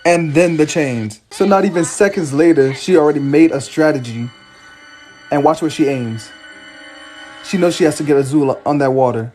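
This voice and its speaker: A man talking through a scene beat by beat in a relaxed, casual commentary voice. He points out details one at a time and sounds sure of his reasoning, with a bit of music running softly under him. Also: fairly high pitch, normal speed. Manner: explaining step by step.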